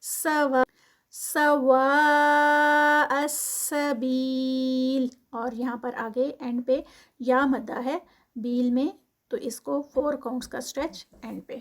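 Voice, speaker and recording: A woman teaching a tajweed lesson, reciting verses slowly and then explaining the rules of each word. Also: high voice, steady tone. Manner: chants verses slowly, then explains rules briskly in Urdu-English mix.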